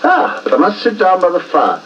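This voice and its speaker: An actor playing a genial, curious gentleman doctor with an English accent in a 1950s radio drama. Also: high voice, wildly swooping pitch, fairly quick, recorded from a distance. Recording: muffled, hissy 1950s radio recording.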